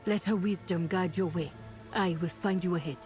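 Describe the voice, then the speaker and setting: A woman's voice: fairly low pitch, moderate pace, a little mellow, natural voice. A woman playing a solemn, commanding female troll leader, reverent toward her goddess, in a fantasy game. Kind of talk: scripted fantasy game acting. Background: game music.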